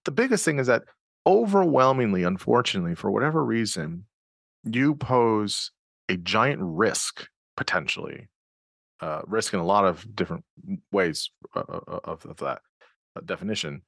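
Male host for a conversational interview: dry close sound, animated delivery, lots of "um" and restarts. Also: lowish voice, normal speed, vocal fry, dry recording. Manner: thinks aloud with many fillers and restarts. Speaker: podcast host.

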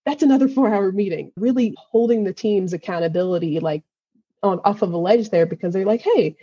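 A woman guest on a podcast, explaining project work in a casual, animated way and acting out her team's voices in quick quotes. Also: medium pitch, breathy edge, no echo, lo-fi sound. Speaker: guest, program manager.

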